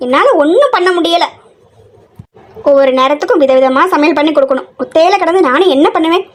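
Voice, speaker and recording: Lady doing a grumbly nagging mom, super high voice, scolds nonstop. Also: expressive, fairly quick. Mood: grumbling. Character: nagging middle-aged mother, scolding and grumbling. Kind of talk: family comedy skit.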